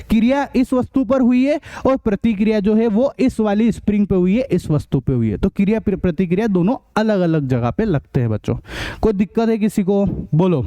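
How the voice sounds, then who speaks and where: Male tutor, mellow tone, high voice, drills key terms and keeps checking in. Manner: repeats key words as questions and answers them himself; often checks understanding with "ठीक है?". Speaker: science teacher. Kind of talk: classroom-style video lesson.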